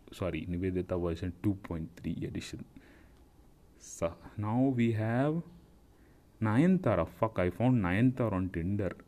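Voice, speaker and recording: A man's voice: low-pitched, mellow. A young man hosting a podcast, reading dating profiles aloud with profane, sarcastic, mocking comic commentary. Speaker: podcast host.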